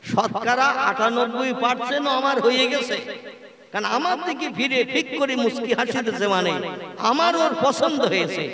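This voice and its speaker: A man preaching a sermon to a big gathering, joking and quizzing the listeners. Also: high voice. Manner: humorous, questions the crowd. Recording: echoey hall, crowd noise.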